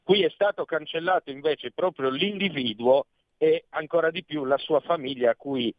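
A man speaking as a guest commentator over a phone line, arguing earnestly and pausing often with fillers. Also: a little high, dry recording. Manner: earnest, argumentative, pauses with many fillers. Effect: heard over a phone line. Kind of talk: radio talk interview. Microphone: telephone.

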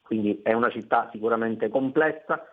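Man on a phone line, tinny, mid-pitched, from Palermo, emphatic campaigning tone. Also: normal speed. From Palermo, Sicily. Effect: over the phone. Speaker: politician guest. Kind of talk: radio interview by phone.

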